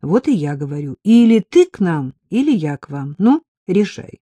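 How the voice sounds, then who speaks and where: Woman doing a bossy young neighbor lady, blunt and sarcastic, mellow dry voice. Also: on the low side, big pitch swings, moderate pace, slightly rough, no echo. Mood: brisk. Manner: blunt, sardonic.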